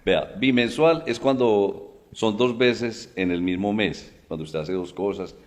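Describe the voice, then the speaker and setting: A man's voice: on the low side, unhurried. A man explaining spelling rules in casual talk, with folksy everyday examples and frequent calls to "look". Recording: long echoing reverb.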